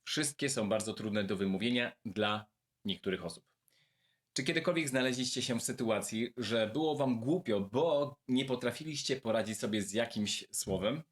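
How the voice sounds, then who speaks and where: A man giving a video lesson, speaking directly and warmly to his viewers and slowly repeating words to show how to pronounce them. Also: medium pitch. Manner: friendly, addresses viewers directly. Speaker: language teacher.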